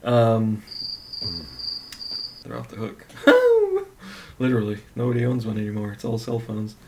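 Podcast co-host, man, mid-pitch, loose rambling banter, laughs a lot. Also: sing-song, a little slow, background noise. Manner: joking, rambling, laughs often. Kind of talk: casual chat.

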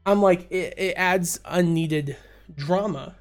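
A man's voice: high-pitched, slow, faint music behind. A man in casual chat about TV shows, ranting with exasperation and acting out his own reactions. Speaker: podcast co-host.

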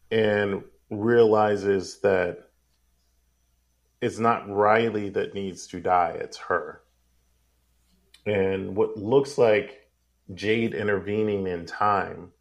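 A man hosting a casual film discussion, rambling and drifting into tangents. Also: fairly low pitch.

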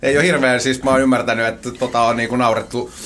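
A man hosting a casual interview, relaxed and curious, who mostly gives short acknowledgements. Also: mid-range voice, a little hiss or hum. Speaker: interviewer, host.

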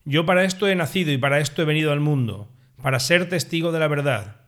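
Guy reading it as a calm solemn man of faith, slow and steady, slightly high voice. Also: close to an everyday voice.

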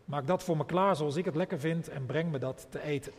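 An old blind father near his death speaks calmly from a Bible story, as a pastor reads him aloud. The voice sits fairly high for a man. Long church reverb hangs behind him. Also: a little fast, close to an everyday voice. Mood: earnest. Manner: calm read-aloud voice.

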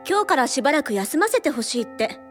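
A woman's voice: big pitch swings, fast, soft background music. A woman voicing a refined, ladylike young club president in a radio drama. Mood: thoughtful. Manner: ladylike speech, flusters into shrill panic. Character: prim young female club president, refined then flustered.

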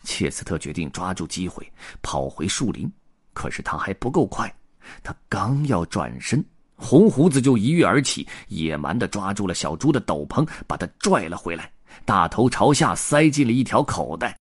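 Expressive man reading a children's story. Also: fairly low pitch, normal speed, breathy edge, no room sound, studio quality. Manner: expressive, voices the characters.

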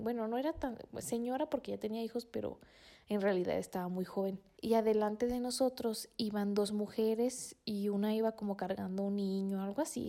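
A young woman with a Mexican accent telling a casual anecdote, chatty and full of fillers and soft asides. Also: medium pitch, creaky. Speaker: podcast storyteller.

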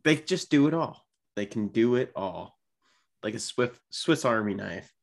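A man's voice: mid-range voice, expressive, measured pace, vocal fry. A man co-hosting a podcast, chatting casually about baseball in a laid-back, filler-heavy way. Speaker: podcast co-host. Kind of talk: casual sports chat.

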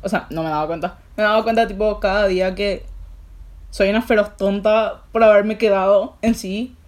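A young woman with a Paraguayan Spanish accent co-hosts a podcast, telling a story in a casual, rambling chat packed with fillers. Her voice is medium-pitched and steady, at a normal speed.

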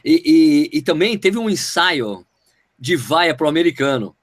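A man co-hosting a sports talk stream, chatting casually, full of restarts and excited jumps in his voice. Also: measured pace. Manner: excitable, restarts often, voice jumps high when retelling. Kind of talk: casual chat.

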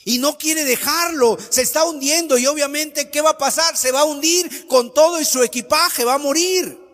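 A man's voice: very high-pitched, moderate pace, fairly bright tone. A man preaching a sermon with an emphatic, sing-song cadence. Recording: long hall reverb.

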